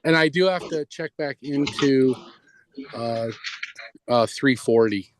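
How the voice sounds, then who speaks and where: A man's voice: mid-range voice, takes it slowly, noisy background. A man speaking as a police officer, polite and procedural, checking in to a remote court.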